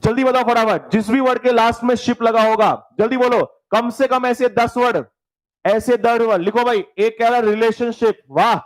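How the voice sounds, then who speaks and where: A man teaching English spelling in a live online class, with an Indian English accent. He spells words letter by letter and keeps urging students to answer fast, calling them "beta" and "bhai". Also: very high voice, fairly even intonation, rough recording. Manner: calls students "beta" and "bhai", reads out their comments.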